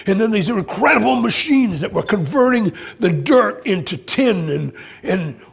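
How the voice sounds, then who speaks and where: An older man telling a spiritual story in an animated way, acting out voices and exclamations. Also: high voice, normal speed, vocal fry, slightly rough. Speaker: spiritual speaker. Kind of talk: storytelling talk.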